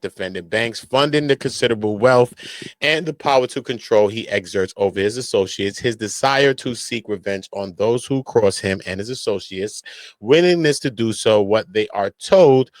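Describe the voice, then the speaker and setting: An American man with a lower voice, recorded without any room sound, does casual street-slang commentary on criminal cases. He occasionally reads documents aloud and keeps his delivery emphatic and slangy, full of repeated verbal tags.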